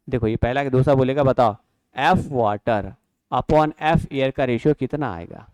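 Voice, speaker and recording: A man's voice: medium pitch, darkish tone, dry recording. A male physics teacher gives a classroom lecture, explaining step by step and answering his own questions as if from students. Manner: mixes English terms into Hindi. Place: classroom or studio.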